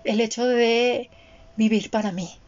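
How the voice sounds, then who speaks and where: A woman in her forties with a fairly high voice, speaking in an earnest, motivational way and turning to her listeners often. The recording is dull and lo-fi. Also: fairly even intonation, slow pace, darkish tone. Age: 40s. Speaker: co-host. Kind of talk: reflective conversational talk. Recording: dull lo-fi sound.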